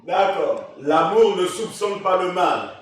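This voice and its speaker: A male preacher delivers a sermon and puts questions to the congregation. His voice runs high and climbs into shouted emphasis. It sounds distant and echoey, caught in a big reverberant church room. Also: expressive, takes it slowly, a little hiss or hum. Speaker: pastor. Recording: echoey church hall, voice from afar.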